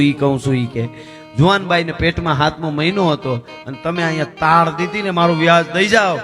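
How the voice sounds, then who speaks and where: A man with a Kathiawadi Gujarati accent, telling a folk story in dayro style with dramatic, rhythmic recitation. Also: a little high. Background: guitar music.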